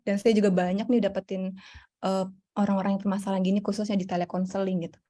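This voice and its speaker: A woman psychologist answering audience questions in a relaxed, explanatory talk, with frequent fillers and a style touch. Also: medium pitch, fast talker. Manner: warm explanatory, many fillers. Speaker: psychologist guest. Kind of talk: casual Q&A talk.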